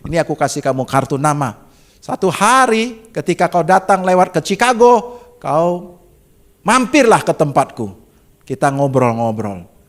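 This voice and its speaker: Man, Indonesian accent, pastor, sermon, high pitch, emotional storytelling, soft to loud. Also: sing-song, measured pace. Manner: addresses congregation as "saudaraku".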